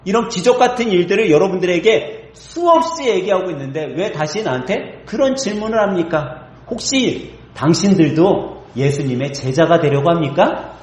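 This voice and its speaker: A bold, sure man who has just been healed of blindness, as a preacher puts him on speaks earnest testimony. His lively voice lifts and falls. The words echo through a church hall. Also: high-pitched, normal speed, voice pushed up. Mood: sarcastic.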